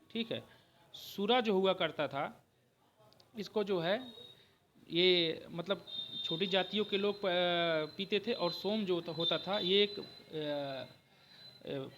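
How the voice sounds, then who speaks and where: A man's voice: sits high, fairly bright tone. A man teaching an exam-prep history lecture, explaining step by step and often checking in with his students. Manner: repeats "ठीक है" often, explains slowly with restarts.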